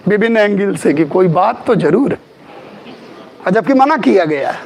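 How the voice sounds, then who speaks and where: A middle-aged man giving a classroom history lecture. He talks emphatically, repeats key terms and asks his students questions. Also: sits high. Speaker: history teacher.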